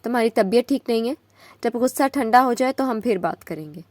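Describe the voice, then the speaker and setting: A possessive young husband who pleads fast and forcefully, as a woman narrator voices him. The delivery is urgent and close, with a fairly high dry sound, from a spoken romance novel. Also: expressive, no echo. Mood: urgent pleading.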